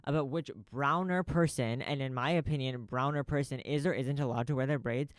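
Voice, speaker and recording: A man's voice: medium pitch, fairly quick, dry recording. A man hosting a podcast in a small recording studio, rambling through a profane, stream-of-consciousness info dump. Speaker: podcast host. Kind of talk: casual rambling monologue.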